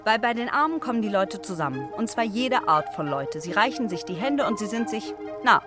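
A woman's voice: medium pitch, sing-song, brisk, close to an everyday voice. Earnest stage speech from an actress playing a tender woman who coaxes a partner closer. The voice sits in a mid range, with faint music behind it. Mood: coaxing. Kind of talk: stage monologue.

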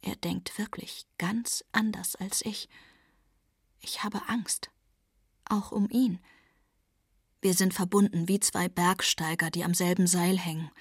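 A woman narrating a first-person novel, often dropping to a breathy whisper. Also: lowish voice, fairly even intonation, takes it slowly, long pauses, no echo, clean studio sound. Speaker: audiobook narrator.

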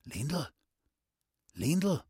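A man voicing a young man with a Bavarian accent, speaking softly and reassuringly to a sick old man. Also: medium pitch, lively intonation, a little slow, gravelly, slightly rough, no echo, studio quality, heavily acted. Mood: hushed, caring. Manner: soft, hushed, reassuring.

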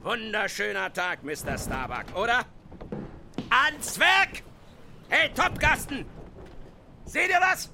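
An actor playing an obsessed, commanding old whaling captain in a radio drama, theatrical and brooding. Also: male voice, very high voice, expressive, slow pace, vocal fry, pauses often, pushed and bright, slight background noise, exaggerated voice. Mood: restless, self-reproaching. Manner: theatrical, swinging from brooding murmurs to barked orders.

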